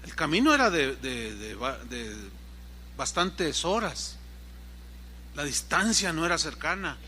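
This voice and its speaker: A man's voice: on the high side, sing-song, slow pace, pushed and bright, a little hiss or hum. A man pastor giving a sermon, retelling a story and acting out its dialogue. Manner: storytelling preacher who acts out the dialogue. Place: church service.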